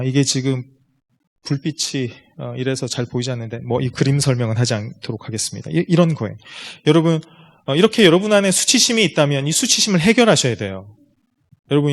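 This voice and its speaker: A man giving a seminar lecture to parents, explaining step by step and putting rhetorical questions straight to the audience. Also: fairly high pitch. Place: lecture room at a school.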